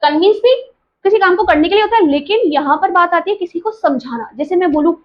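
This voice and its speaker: A woman's voice: extremely high pitch, expressive, a little fast, dull audio. A woman teacher explaining vocabulary in a patient lesson, asking herself questions and adding tag questions as she goes. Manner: asks herself questions, often adds tag questions. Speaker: English teacher. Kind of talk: explaining vocabulary, mixing Hindi and English.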